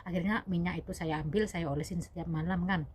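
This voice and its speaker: Low-voiced woman telling a rambling story. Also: fairly even intonation, fast talker, a little hiss or hum. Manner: rambling, self-correcting, addresses viewers as guys. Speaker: vlogger, domestic worker abroad. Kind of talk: casual spoken storytelling.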